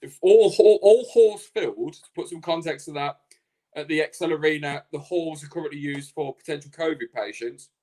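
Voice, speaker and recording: A man's voice: fairly high pitch, moderate pace. A man co-hosting a casual talk show, telling blunt stories full of swearing. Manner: blunt, sweary, animated storytelling. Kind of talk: casual podcast chat.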